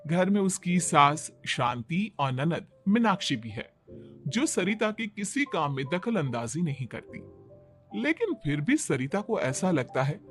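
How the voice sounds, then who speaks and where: High-voiced man narrating a kids' story. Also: very animated, measured pace, a bit bright, soft background music.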